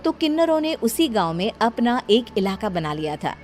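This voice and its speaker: A woman's voice: fairly high pitch, very animated, normal speed, darkish tone, soft background music. A woman narrating a cartoon horror story in a dramatic storytelling voice.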